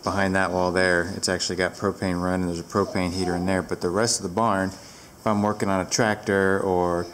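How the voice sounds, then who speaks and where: A woman's voice: rumbling low, flat delivery, a little fast, hardly any pauses. A woman giving a casual, rambling product review with fillers, filmed on a handheld camera inside a large barn with the door open to the wind.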